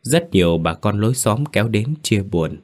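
Casting: male storyteller, low voice, grave and tense horror narration. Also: expressive, moderate pace, darkish tone.

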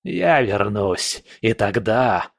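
A man's voice: lowish voice, fairly even intonation, takes it slowly, pushed and bright, no echo, clean studio sound, full character voice. A man voicing an old male villain, a shadow sorcerer who snarls and hisses his lines. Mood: vengeful. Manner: hissing, snarling.

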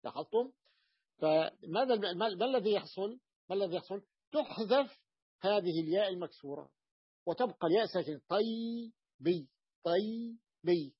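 Husky guy teaching grammar, says example words over and over, dull dry recording. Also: high voice, animated, no room sound. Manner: repeats and drills example words slowly, asks students if they noticed. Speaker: teacher explaining Arabic morphology. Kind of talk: classroom grammar lesson.

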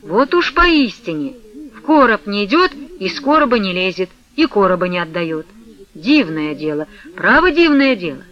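A man voicing an earnest village headman gently urging a younger man, in a radio reading. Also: high voice, big pitch swings, normal speed, dull audio, heavily acted. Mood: coaxing. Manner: earnest, coaxing. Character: persuasive village headman, soothing older man.

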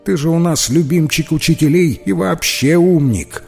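A man's voice: on the high side, moderate pace, vocal fry, a little mellow, soft background music, voice pushed up. A man voicing a whiny, theatrical red-haired schoolboy in a children's storybook. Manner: complaining, theatrical sighs. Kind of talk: storybook character voice.

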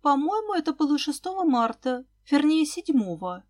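A woman's voice: sits high, sing-song, normal speed, darkish tone, no room sound, clean studio sound. A woman voicing a nervous woman under questioning, answering hesitantly. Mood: flustered. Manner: hesitant, uneasy replies.

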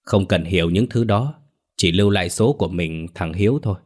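A man voicing a poor, stubborn old village father who talks gruffly. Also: deep voice, brisk. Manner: gruff, dismissive.

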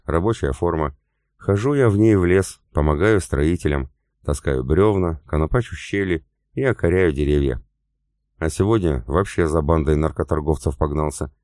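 A man narrating an audiobook in the first person, with steady, matter-of-fact storytelling. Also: extremely low pitch, no room sound, clean studio sound.

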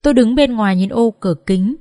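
A woman's voice: on the high side, quick pace, no room sound, studio quality. A woman reading a first-person social drama aloud, acting out tearful, pleading dialogue. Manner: expressive, acts out sobbing pleas. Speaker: audiobook reader.

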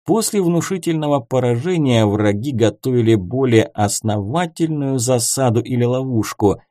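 Mellow-voiced male audiobook narrator. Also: mid-range voice, no echo, clean studio sound. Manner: steady, measured first-person reading.

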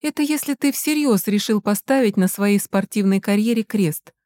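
Firm middle-aged mother, read by a woman, mellow and measured. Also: mid-range voice, no room sound, studio quality, close to an everyday voice. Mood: calm.

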